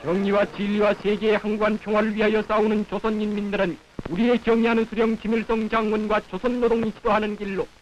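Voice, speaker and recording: A male narrator with a North Korean accent and a notably high voice delivers a 1950s propaganda newsreel script. His delivery is solemn and declamatory, as heard on an old film soundtrack. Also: muffled recording, slight background noise.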